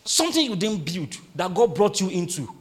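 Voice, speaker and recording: Male pastor, high and very animated sermon voice, call-and-response delivery. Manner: reads scripture slowly and emphatically.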